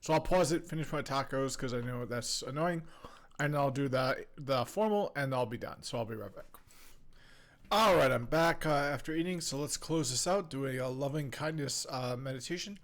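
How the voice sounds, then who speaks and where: A man's voice: mid-range voice, normal speed. A man in a casual, hesitant aside to his viewers, full of fillers. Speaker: course participant.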